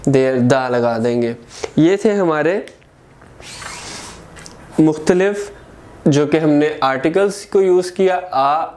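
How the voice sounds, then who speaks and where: A man's voice: on the high side, darkish tone. A man with a Pakistani Urdu accent teaching a school grammar lesson, dictating sentences word by word.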